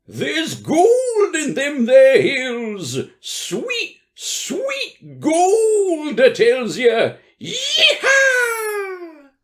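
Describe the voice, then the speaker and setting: An actor playing a weird, excitable old gold prospector in a sketch comedy, with an exaggerated old-time drawl and cackling delivery. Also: sits high, very slow, heavily acted. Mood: gleeful, whooping.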